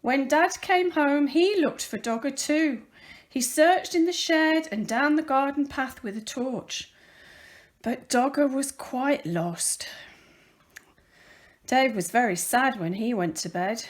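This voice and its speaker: Her voice sits high as she volunteers to read a children's picture book aloud, moving slowly. Each word gets careful, expressive emphasis.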